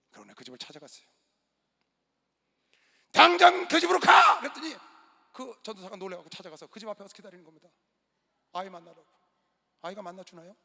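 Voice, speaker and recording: A man with a high, sharp and bright voice preaches a storytelling sermon. He swings from sudden loud bursts to quiet asides. His voice rings with the long reverb of a big indoor gymnasium used as a church hall. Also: gravelly. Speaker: pastor.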